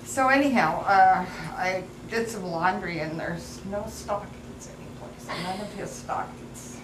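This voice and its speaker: A woman's voice: medium pitch, measured pace. An elderly woman, a grandmother, telling family stories in a casual, rambling, anecdotal way, as an elder recalling the past. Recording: roomy, clearly noisy home recording.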